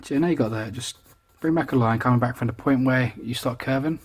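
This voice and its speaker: Brisk and husky at medium pitch, an off-screen man chats his way through a casual real-time drawing tutorial, explaining each step and making fun of himself along the way.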